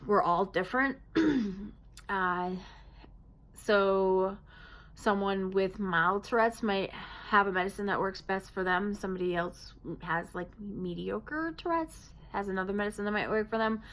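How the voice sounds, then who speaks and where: A woman's voice: mid-range voice, a little slow, fairly bright tone. A woman vlogger talking casually to the camera, explaining things plainly with many hesitant fillers.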